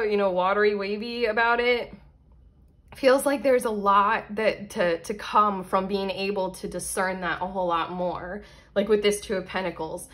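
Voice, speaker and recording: A woman giving a casual pick-a-card tarot reading as host of her own channel, talking frankly, swearing now and then and laughing at herself. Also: on the low side.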